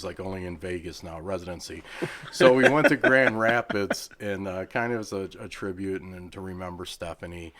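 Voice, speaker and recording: A middle-aged man, a charity head, telling a story in casual chat and acting out the people he quotes with lively swings in pitch. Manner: animated, acts out quoted people with raised pitch.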